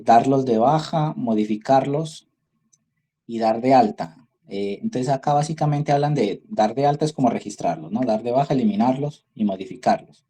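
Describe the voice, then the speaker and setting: A man's voice: medium pitch, dark tone, breathy edge. A man gives an online class as an instructor. He thinks aloud as he works and keeps checking in with his students through tag questions. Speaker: university instructor.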